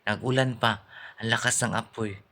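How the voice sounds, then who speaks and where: A man's voice: medium pitch, fairly even intonation, normal speed, pushed and bright. A man vlogging, telling a painful family story through grief, repeating himself and talking straight to his viewers. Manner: grieving, repeats himself, often addresses viewers as guys. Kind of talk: emotional personal storytelling vlog.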